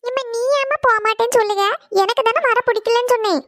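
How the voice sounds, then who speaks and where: A woman's voice: extremely high pitch, fairly bright tone, no echo, studio quality, pitched above the performer's own voice. A woman voicing a sulking, tearful college girl in a cartoon who whines and pleads. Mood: sulky. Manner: whiny, pleading, drawn-out. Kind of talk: cartoon voice acting.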